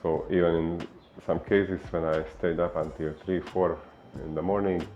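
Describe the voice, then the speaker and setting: A man from Hungary with a Hungarian accent, a fitness coach giving an unhurried explainer talk full of filler pauses. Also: low voice, flat delivery, mellow, highs cut off, slight background noise.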